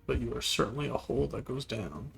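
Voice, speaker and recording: A man giving relaxed, musing commentary while playing a video game, now and then talking to things on screen. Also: mid-range voice, fast talker, gravelly, soft background music. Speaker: gameplay video host. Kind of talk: casual gameplay commentary.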